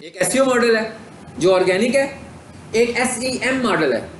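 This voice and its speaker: A man's voice: very high voice, lively intonation, measured pace. A man with a Pakistani accent lecturing a class on digital marketing, asking questions and answering them himself as he explains step by step. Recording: echoey room, faint background hiss.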